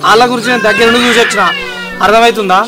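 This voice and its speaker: An actor with a Telangana Telugu accent playing an impatient young village son who argues back in a brisk, exasperated way. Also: male voice, sits high, fairly even intonation, lightly acted. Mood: dismissive. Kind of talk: family drama acting. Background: background music.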